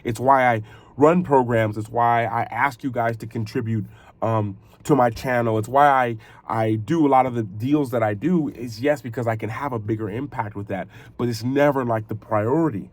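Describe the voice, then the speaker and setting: A man speaking to his viewers in a motivational vlog style, earnest and reflective, often halting and repeating phrases as he builds to rhetorical questions. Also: mid-range voice. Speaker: video creator and podcaster. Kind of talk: motivational talk addressed to viewers.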